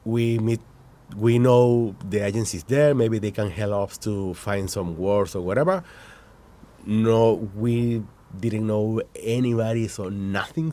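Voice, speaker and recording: A man's voice: lowish voice, dark tone. A man who speaks Spanish as his first language, with a Latin American accent, hosting a casual interview inside a shop and often restarting as he searches for words. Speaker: host.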